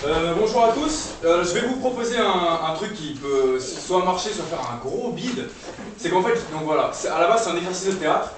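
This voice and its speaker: A man's voice: high-pitched, lively intonation, normal speed. A young man doing improvised stand-up comedy with the audience, talking in a loose, chatty way with many fillers and restarts, heard from a distant mic on a live stage. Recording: distant live room mic, strong echo, noisy.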